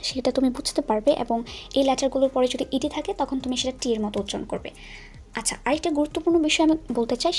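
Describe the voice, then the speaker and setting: A woman teaching pronunciation, who explains patiently and repeats each word slowly for learners. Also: high voice. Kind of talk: explanatory language lesson.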